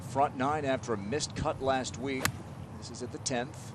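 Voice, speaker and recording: A man working as lead golf commentator, calling tournament highlights and setting up each shot. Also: steady tone, normal speed, very noisy. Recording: music behind the voice.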